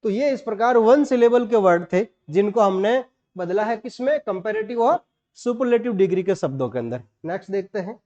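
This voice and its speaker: A man's voice: high voice, animated, a little fast, a little mellow. A man with a Rajasthani Indian accent teaching an online grammar lesson, explaining rules step by step and spelling words out letter by letter. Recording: dull lo-fi audio.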